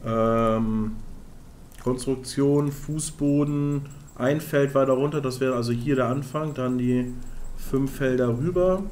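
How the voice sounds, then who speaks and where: A man's voice: mid-range voice, takes it slowly, a little mellow, a little hiss or hum. A man streaming a strategy game, thinking aloud, counting under his breath and chatting to his viewers. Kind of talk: casual live-stream gameplay commentary.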